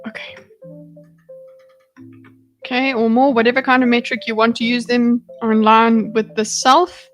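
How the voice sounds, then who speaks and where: A woman's voice: on the high side, flat delivery, normal speed, soft background music. A woman hosting a livestream, reacting to a debate clip with blunt, exasperated, pleading asides and some swearing. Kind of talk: casual reaction commentary.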